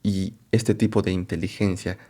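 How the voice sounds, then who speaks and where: A man presenting a philosophy lecture, unhurried and thinking aloud, often checking in with rhetorical questions and correcting himself as he goes. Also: low voice, level tone, dark tone. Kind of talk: explanatory lecture to camera.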